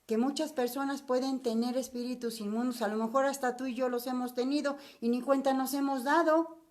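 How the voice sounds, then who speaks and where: Older mexican lady teaching bible study, high voice, chatty, keeps asking the listener questions. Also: steady tone, brisk.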